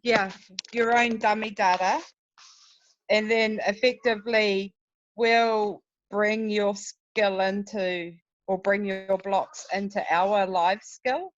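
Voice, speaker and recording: A woman leading a casual work meeting over a video call, explaining things step by step in a brisk way. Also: medium pitch, fairly even intonation. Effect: heard over a video call. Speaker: project lead in a work meeting. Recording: dull lo-fi video call audio.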